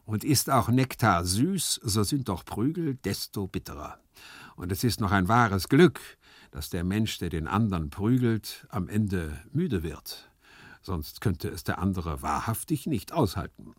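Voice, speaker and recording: A man voicing a calm, philosophizing male servant with a preachy, mock-solemn manner in a literary reading. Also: fairly low pitch, a little slow, breathy edge, no echo, studio quality, full character voice. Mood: sententious. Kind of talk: literary reading with acted voices.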